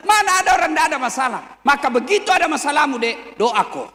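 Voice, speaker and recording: High-voiced joking preacher in a hall. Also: male voice, quick pace, a little hiss or hum. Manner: lively, joking, addresses the audience directly. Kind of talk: humorous sermon to a crowd. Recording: long hall reverb.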